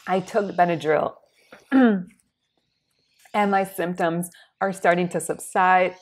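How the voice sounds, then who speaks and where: A young woman vlogger telling a personal story to camera in a soft, partly whispered voice. She is congested, speaks slowly and carefully in plain words, and clears her throat often. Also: lowish voice, fairly even intonation. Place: indoors against a plain wall.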